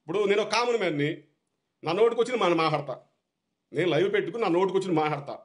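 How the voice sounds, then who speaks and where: A man's voice: high-pitched, animated, rapid-fire. A man, a party activist, delivering an angry, repetitive political rant.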